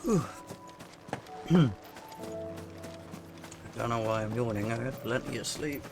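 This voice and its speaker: A man hosting a gaming channel who gives relaxed, muttered asides while playing a game. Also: mid-range voice, slow pace. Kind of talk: casual let's-play commentary. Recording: voice over loud game music.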